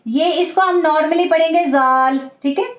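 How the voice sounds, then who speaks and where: A woman teaching a recitation class, patiently repeating each word slowly and often checking in with her students. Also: very high-pitched. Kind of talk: online class lesson, slow repetition drills. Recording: roomy, dull lo-fi audio.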